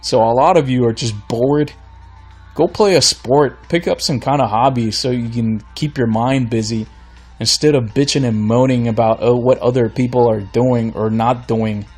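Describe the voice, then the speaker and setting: This Florida man's solo podcast rant is blunt and exasperated, delivered while he's losing his voice as host of his own show. His tone stays steady and a little mellow, mid-range and moderately paced, with soft background music.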